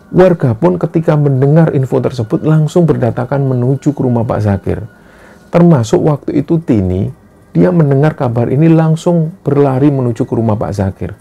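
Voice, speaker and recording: A man tells a horror story in a steady, earnest way, often opening a sentence with "nah". His voice is very dark and mellow, with a gravelly, creaky texture, at a mid pitch. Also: moderate pace. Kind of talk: storytelling narration.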